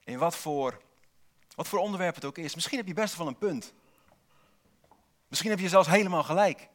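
A man's voice: on the high side, animated, normal speed. A man preaching a sermon in a church, posing rhetorical questions and repeating single key words for emphasis, with dry asides to the congregation.

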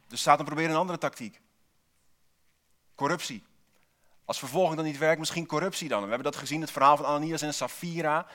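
A man's voice: fairly high pitch, a bit bright. Man preaching a sermon, repeating key words. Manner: builds points with repeated single words and rhetorical questions; wry asides to the congregation.

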